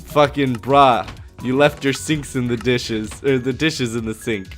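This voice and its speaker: A man's voice: mid-range voice, fairly even intonation, unhurried, soft background music, close to an everyday voice. A man voicing his pet chicken as a nagging roommate, in a drawling, slangy, swearing way. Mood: annoyed. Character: nagging male chicken roommate, laid-back bro.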